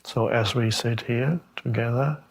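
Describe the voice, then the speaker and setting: A man speaks as a spiritual teacher giving a meditation talk, his medium-pitched voice contemplative, with long pauses and gentle questions.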